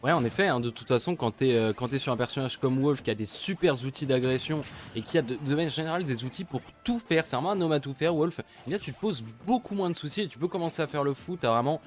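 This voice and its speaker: A man commentating an esports match, lively and chatty, easily amused. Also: medium pitch, fast, few pauses, faint music behind.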